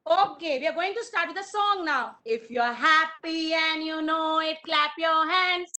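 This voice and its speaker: A young woman teaching an online preschool class, slow, sing-song and very expressive, praising the children. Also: very high-pitched, a little hiss or hum.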